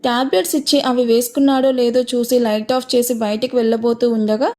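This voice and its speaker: A woman reading an audio story as narrator, calm and even. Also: on the high side, a little fast.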